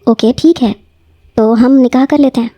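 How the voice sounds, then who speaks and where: A woman voicing a caring young male professor who speaks gently and reassuringly. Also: a little high, dry recording, natural voice. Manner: gentle, reassuring, then serious.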